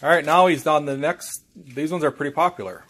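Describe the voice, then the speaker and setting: A woman with a low voice speaks casually from behind a phone camera at home. She acts as a co-host, prompting and commenting. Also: a little fast, slight background noise. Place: indoors in a home room.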